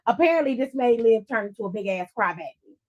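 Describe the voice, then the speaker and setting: A woman's voice: fairly high pitch, expressive, fast talker, a little mellow, dull audio. A woman hosting a casual livestream recap, talking in a sassy, blunt and profane way and laughing often. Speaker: host of a wrestling after-show.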